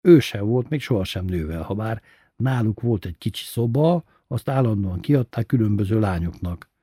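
A man reading a first-person story aloud in a plain, even storytelling manner. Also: fairly low pitch, husky, no room sound, clean studio sound. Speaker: narrator.

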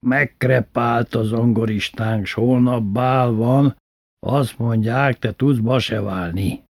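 A man's voice: a little high, darkish tone, dry recording, studio quality, voice pushed up. A man voicing a stout, flashy older bandleader who talks brusquely and curses.

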